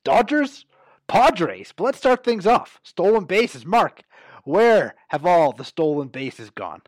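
A man hosting sports talk in an upbeat, energetic way, his voice a touch higher than usual for a man. The recording is dry and close, with no room sound. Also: slow, no room sound. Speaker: host.

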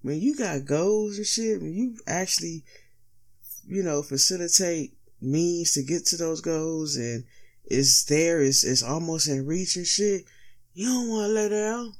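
A man's voice: on the high side, expressive, a little slow. A man hosting a casual solo podcast, sounding stoned and a little sluggish, talking in loose slang with heavy swearing. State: stoned, sluggish from being high. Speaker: podcast host.

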